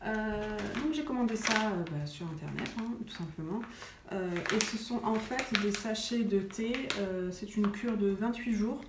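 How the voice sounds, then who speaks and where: A woman's voice: mid-range voice, normal speed. A woman vlogging about wellness in a casual chat to the camera, chatty and full of hesitations. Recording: roomy sound with faint noise.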